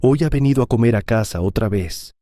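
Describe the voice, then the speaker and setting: A man's voice: medium pitch, animated, brisk, mellow, dry recording, clean studio sound, close to an everyday voice. A man voicing a worried, blunt teenage son in a storybook.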